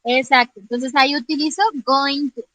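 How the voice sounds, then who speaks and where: A woman's voice: high voice, fairly even intonation, moderate pace, a bit bright, low-quality recording. A woman teacher explaining grammar in an online class, patiently checking understanding with frequent questions and calling on students by name. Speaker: English teacher.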